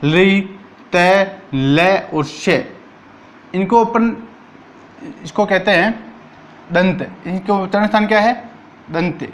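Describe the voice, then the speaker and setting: A man's voice: high-pitched, slight background noise. A man teaching an exam-prep Hindi grammar lesson, asking each point as a question and answering it himself, drawing out the sounds as he recites them. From Rajasthan, India. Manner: drawn-out syllables while reciting sounds.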